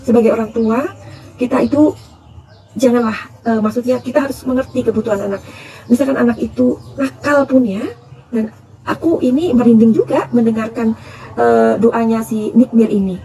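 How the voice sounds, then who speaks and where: A middle-aged woman talking through a tarot reading, confiding and full of advice. Her voice sits slightly high but sounds dark and mellow, with plenty of gravelly fry. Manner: chatty, calls listeners "sayang", counsel-giving. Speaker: tarot reader.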